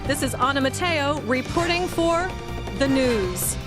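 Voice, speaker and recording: A woman playing a cheerful news reporter who interviews tourists outdoors, speaking clearly and slowly for an English lesson. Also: high voice, animated. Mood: upbeat. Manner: clear, upbeat, slow teaching delivery. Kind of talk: scripted English lesson dialogue. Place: outdoors in a city. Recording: music bed under the voice.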